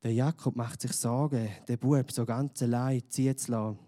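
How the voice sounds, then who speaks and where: A man narrating a children's story gently, with questions to the listener. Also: mid-range voice.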